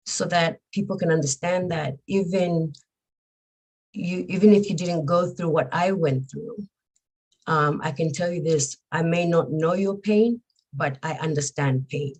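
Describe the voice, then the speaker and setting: A woman in her forties, originally from Zambia, telling her life story as an interview guest. Her voice sits a little low, and she speaks earnestly and reflectively, pausing often and reaching for words. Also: a little mellow, poor audio. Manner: earnest, reflective, with frequent pauses and fillers. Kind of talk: personal testimony interview.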